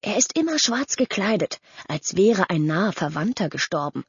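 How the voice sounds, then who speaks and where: A woman's voice: medium pitch, big pitch swings, normal speed, breathy edge, no room sound. A woman voicing a suspicious, mocking teenage boy who talks in scornful slang. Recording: dull lo-fi audio.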